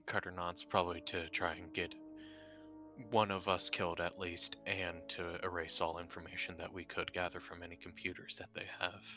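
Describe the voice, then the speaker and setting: A man improvising third-person narration as a tabletop role-play player, halting as he searches for words. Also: low voice, flat delivery, sharp tone, faint music behind.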